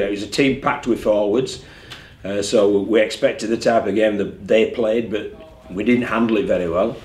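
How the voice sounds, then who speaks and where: A man, a rugby league head coach speaking candidly at a post-match press conference, often repeating words as he thinks. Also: fairly low pitch. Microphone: desk mic in front of him. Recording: echoey room with faint background hum.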